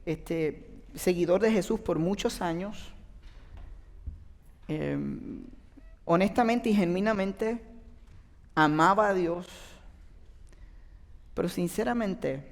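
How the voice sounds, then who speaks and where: A man's voice: high voice, slow, creaky, pauses often. A man, preaching a sermon in a conversational way and speaking straight to the congregation. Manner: conversational, addresses the audience directly. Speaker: pastor. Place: church auditorium with an audience. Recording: long reverb from a large hall.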